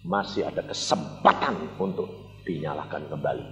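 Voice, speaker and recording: Seorang pria, pengkhotbah beraksen Jawa, bercerita dengan dramatis, kadang berteriak kadang berbisik. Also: male voice, very deep voice, moderate pace, dull audio. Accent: Javanese. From Indonesia. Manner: dramatic storytelling, swings from loud shouts to hushed near-whispers; mixes in Javanese phrases, acts out quotes. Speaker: evangelist preacher. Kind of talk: sermon. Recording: echoey hall recording with faint music.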